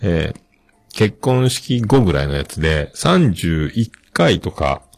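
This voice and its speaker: Low gravelly man, rambling chat. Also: sing-song, takes it slowly. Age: middle-aged. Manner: chatty, rambling with many fillers. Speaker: podcast host. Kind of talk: casual chat reading listener mail.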